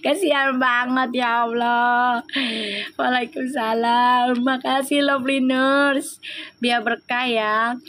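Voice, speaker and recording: A woman's voice: high-pitched, little pitch movement, takes it slowly, a bit bright, dry recording. A woman giving a chatty live-stream tarot reading, reassuring viewers and adding affectionate, preachy asides. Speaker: tarot reader.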